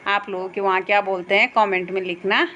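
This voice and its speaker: A young woman with a light tinge chats her way through an outdoor vlog and keeps pointing things out as she films on her phone. Her voice sits at an ordinary middle pitch. A faint hush of outdoor air runs underneath. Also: fairly even intonation, a little fast, highs cut off, a little hiss or hum. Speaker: vlogger. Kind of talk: casual vlog narration. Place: outdoors by a mountain stream and fields.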